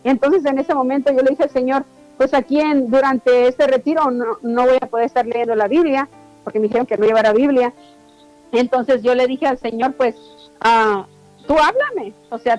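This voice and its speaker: A woman's voice: on the high side, a little mellow, low-quality recording. A woman giving a fervent, emotional faith testimony to a church congregation, often repeating her words.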